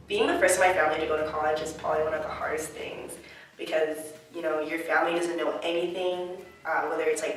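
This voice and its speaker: Heard through a distant mic in an echoey room with a little hiss or hum, a college-age woman who speaks Chinese as her first language reflects casually on interview questions in a deep voice, filling her answers with "like."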